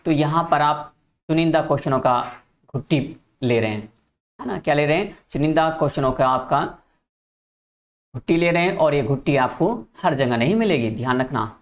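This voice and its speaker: Brief: young male tutor, lively and coaxing, walking students through practice questions. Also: a little high, normal speed. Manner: animated, asks students questions and coaxes them. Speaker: teacher. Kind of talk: exam-prep video lecture.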